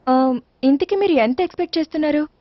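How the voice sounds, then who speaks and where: A woman in a comic film scene, playing a marriage bureau agent making a sweet sales pitch. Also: fast, no room sound. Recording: dry, dull film soundtrack with faint music.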